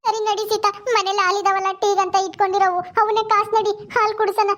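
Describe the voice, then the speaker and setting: A woman's voice: very high voice, flat delivery, fast, fairly bright tone. A woman playing a wailing, scolding grandmother. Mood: relieved, fretful. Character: grieving grandmother, fierce toward the kidnapper. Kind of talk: village family drama acting.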